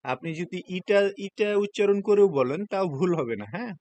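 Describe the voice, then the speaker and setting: A man's voice: high-pitched, lively intonation, brisk, darkish tone. A man teaching a Japanese lesson in Bengali with a Bangladeshi accent, patiently explaining each step and often asking students whether they understand. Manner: patient, checks understanding with frequent questions. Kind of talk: classroom lesson explaining hiragana.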